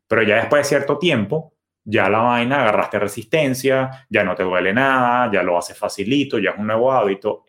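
A man's voice: lowish voice, a bit bright. Earnest man coaching on money. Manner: earnest, coaching, uses everyday examples. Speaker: personal finance podcast host. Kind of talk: monologue podcast.

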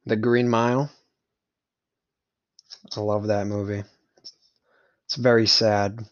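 Young dude with a lowish voice, joking gamer bro slang, chatting w friends, kinda muffled lo-fi mic. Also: male voice, little pitch movement, slow. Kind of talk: casual chat with friends. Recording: dull lo-fi mic sound.

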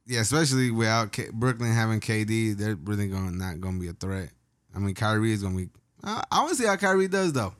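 A man's voice: on the low side, animated, fast, a bit bright, no echo, clean studio sound. A man in a casual basketball chat, easygoing and slangy with a teasing streak.

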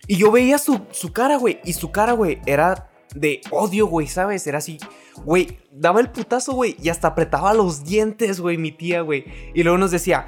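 Here is a Mexican man with a high, bright-pitched voice. He co-hosts a podcast and tells an anecdote with a crude, lively streak, tacking güey onto nearly every phrase. Faint music sits quietly behind him. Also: a little fast. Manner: profane, animated storytelling, says güey after almost every phrase. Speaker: podcast co-host. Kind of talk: casual storytelling chat.

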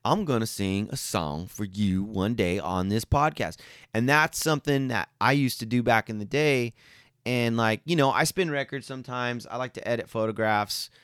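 A young man hosts his own podcast, rambling in a laid-back, slangy way with lots of fillers and restarts and calling people "man" and "guys." His mid-range voice is smooth and fairly bright, at a moderate pace. The studio-quality audio has no room sound.

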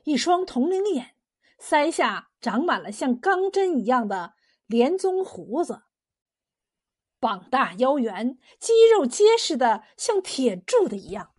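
A woman telling a folk tale in a lively, expressive storytelling manner, asking the listener questions along the way. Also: high-pitched, takes it slowly, breathy edge.

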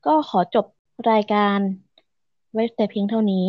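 A woman's voice: medium pitch, level tone, normal speed, no echo. A young woman co-hosting a podcast vocabulary lesson, speaking politely with short replies. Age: young adult. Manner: polite, brief replies and sign-offs. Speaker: co-host. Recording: dull lo-fi dry recording.

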